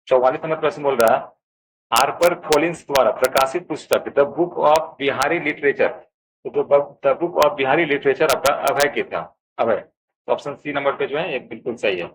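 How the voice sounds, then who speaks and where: A man's voice: mid-range voice, moderate pace, a little hiss or hum, rough recording. A man with a Bihari Hindi accent teaching an exam answer key, calling his viewers friends and explaining each option in turn. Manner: addresses viewers as friends, steady explanatory pace. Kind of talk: answer key walkthrough lesson.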